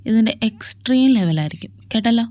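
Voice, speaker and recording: A woman's voice: a little high, expressive, fast talker, mellow, dry recording, natural voice. A woman voicing a jealous, possessive young man in a fan audio drama, with a bossy, scolding manner. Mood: threatening.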